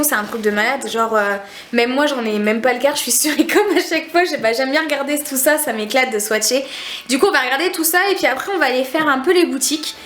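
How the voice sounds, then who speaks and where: A young woman with a regional French accent, vlogging casually into a handheld camera, chatty and quick to laugh. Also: high-pitched, slight background noise. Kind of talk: casual vlog chat.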